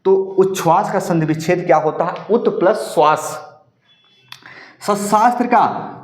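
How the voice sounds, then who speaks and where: A man's voice: high-pitched, a little slow, echoey room. A man teaching Hindi grammar for an exam, drilling rules, repeating key points and calling his viewers students. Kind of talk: exam-prep grammar lesson.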